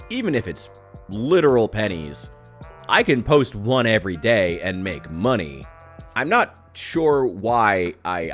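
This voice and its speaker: A thirty-year-old man talks to the camera in a loose, meandering vlog, low in pitch and blunt about his frustrations. He curses casually and laughs at himself between tangents. Soft music plays faintly underneath. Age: 30s. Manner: candid, rambling, profane, self-deprecating. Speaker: YouTuber.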